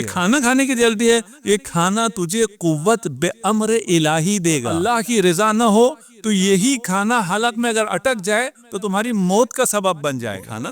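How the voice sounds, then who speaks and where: A man, a cleric giving a sermon at a religious gathering and firing rhetorical questions at the audience. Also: high-pitched. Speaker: Shia cleric.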